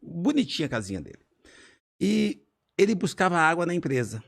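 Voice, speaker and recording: A middle-aged business owner tells a personal story, moving quickly and acting out each exchange. His voice is gravelly, with wide, lively swings in pitch. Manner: animated, lively storyteller who acts out dialogue. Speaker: business owner, interview guest.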